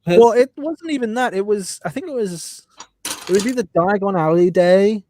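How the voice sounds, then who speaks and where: A man's voice: high-pitched, moderate pace, dark tone, slight background noise. A young man chatting casually on a call, rambling and laughing often. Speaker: guest YouTuber. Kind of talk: casual stream chat.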